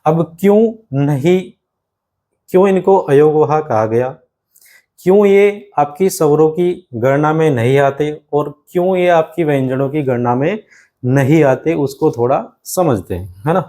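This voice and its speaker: Teaching a grammar lesson to exam students, a man speaks at a measured pace in a fairly high, animated, mellow voice. He walks through it step by step, poses lots of rhetorical questions, and keeps calling the students his friends.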